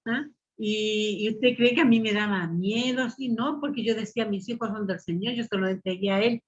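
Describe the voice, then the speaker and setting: A woman with a Chilean Spanish accent shares her testimony before a church congregation, speaking at a middling pitch. She tells her story warmly and directly, often turning to address her brothers and sisters. The recording sounds muffled and lo-fi. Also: moderate pace, breathy edge. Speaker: church member giving testimony. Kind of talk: personal testimony at a church meeting.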